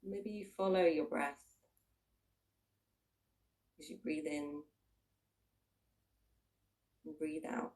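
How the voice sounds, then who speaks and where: Gentle, inviting instructions for a body scan meditation come from a woman with a low voice, spoken slowly with long pauses between phrases. The mic is distant and the audio quality is poor.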